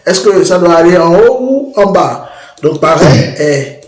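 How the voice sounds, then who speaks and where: A man presenting a language-learning app in a screen-demo tutorial, talking haltingly and often restarting and repeating words. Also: high voice, expressive, a little mellow, roomy sound.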